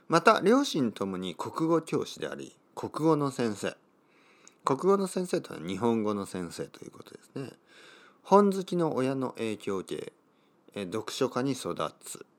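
A middle-aged man from Kyushu, a Japanese language teacher, reads a text slowly for learners and restates each part in easier words, stopping to puzzle over hard names. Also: lowish voice. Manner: reads text aloud slowly, then rephrases it in simpler words; stops and wonders aloud how to read place names. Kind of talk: explaining a reading for Japanese learners.

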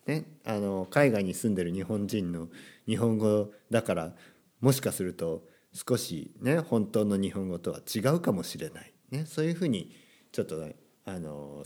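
Chatty low-voiced man hosting a podcast. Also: big pitch swings, moderate pace, mellow. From Kyushu, Japan. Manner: chatty, self-deprecating, frequent filler asides and rhetorical questions. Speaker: podcast host. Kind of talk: casual solo podcast for Japanese learners.

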